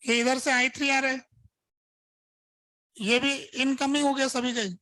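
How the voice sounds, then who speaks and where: A man's voice: very high voice, fairly even intonation, unhurried, sharp tone, no echo, poor audio. A man teaching a physics lesson, working through examples step by step and asking his students rhetorical questions. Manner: casual, conversational teaching. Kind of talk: lesson at a board.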